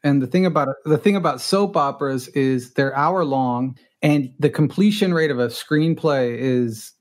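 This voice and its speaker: Speaking at normal speed in a mid-range voice, a middle-aged man from Los Angeles shares his own story as a guest. Spanish was his first language, and he's candid and self-deprecating, restarting often.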